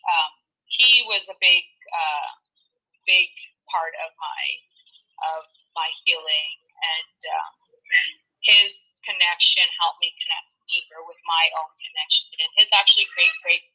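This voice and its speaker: A woman's voice: on the low side, sharp tone. A woman guest telling a personal story in casual chat, rambling with many fillers and acted-out quotes. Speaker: podcast guest, spiritual healer. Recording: tinny phone line.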